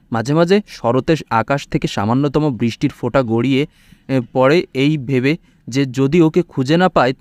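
A man's voice: medium pitch, a little mellow, no room sound. Man narrating a dry, close love story. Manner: unhurried reading with small hesitant fillers.

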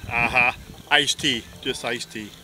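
A man's voice: mid-range voice, fairly even intonation, unhurried, background noise. A man vlogging outdoors at his campsite, chatting casually while he eats, rambling with fillers and trailing off. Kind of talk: casual chat while eating.

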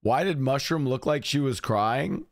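Lively, profane young male streamer. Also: mid-range voice, measured pace, dry recording, studio quality. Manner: profane, joking banter addressed to chat. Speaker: streamer reacting to clips. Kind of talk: casual stream chat.

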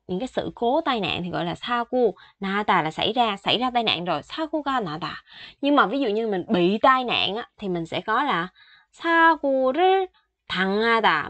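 A woman's voice: medium pitch, fairly bright tone, dry recording. A woman teaching a vocabulary lesson, patiently explaining each word and repeating it several times. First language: Vietnamese. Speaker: Korean language teacher.

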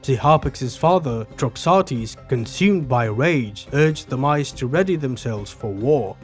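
A man narrating a history video in a measured, scripted storytelling style. His voice sits at a plain middle pitch. Soft music plays beneath him. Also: animated. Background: soft background music.

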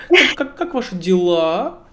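A man's voice: high-pitched, very animated, takes it slowly, pushed and bright. A man in his twenties chatting and joking with strangers over a video call, laughing often. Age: 20s. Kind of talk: casual video chat. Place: indoor room, seated in a chair. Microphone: webcam video call.

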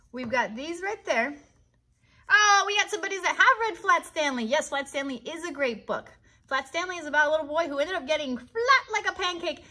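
On a child's bedroom set indoors, a children's craft host and puppeteer in her thirties, an American woman, chats encouragingly to kids during a live craft tutorial. Her voice is high with a sharp tone.

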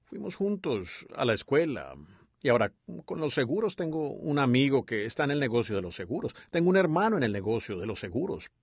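A man voicing over a sermon as a dub, with a lively, expressive delivery. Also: medium pitch, fairly quick, slightly rough, no room sound. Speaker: sermon interpreter.

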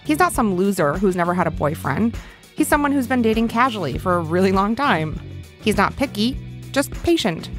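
A woman with a mid-range voice hosts a podcast. She asks questions and narrates in a sincere, gently encouraging way. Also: medium pitch, big pitch swings, a little fast, faint music behind. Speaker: podcast host. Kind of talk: interview and scripted narration.

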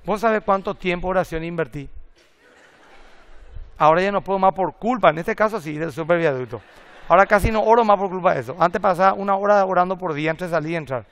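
A middle-aged man, a pastor preaching a sermon and telling lively stories with acted-out quotes and jokes. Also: high voice, fast talker. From Paraguay.

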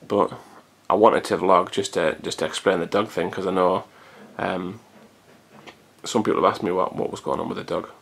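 Low, gravelly man rambling. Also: fairly even intonation, moderate pace, fairly bright tone. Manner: rambling, chatty, swears casually. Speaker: vlogger. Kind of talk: casual chat to camera. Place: hot room at home. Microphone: camcorder built-in mic.

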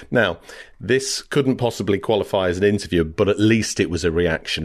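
A middle-aged man from the UK, a former reporter hosting a podcast, telling a story in a conversational way with frequent fillers. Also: sits low. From United Kingdom. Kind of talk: storytelling monologue.

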